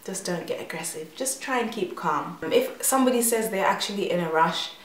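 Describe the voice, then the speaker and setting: Young woman from uganda vlogging, chatty and animated, slightly low voice, roomy echo. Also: a little fast, recorded from a distance, slight background noise. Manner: chatty, animated, with many fillers and restarts. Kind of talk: casual storytelling to camera. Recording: echoey room.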